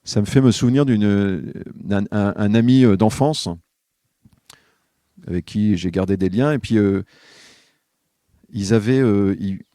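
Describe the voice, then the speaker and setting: A man's voice: lowish voice, measured pace, long pauses, mellow, dry recording, studio quality. A man giving a reflective spoken homily for a podcast, talking with listeners directly in a conversational way. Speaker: podcast speaker on spiritual life.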